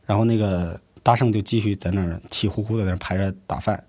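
Low-voiced man. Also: steady tone, warm tone. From rural Hebei, China. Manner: unhurried, conversational, with frequent restarts. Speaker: storyteller. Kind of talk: first-person storytelling.

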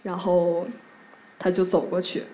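A woman, telling a personal story to a live audience, halting and emotional, many restarts and repeated words. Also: lowish voice, monotone, dark tone. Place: theatre stage.

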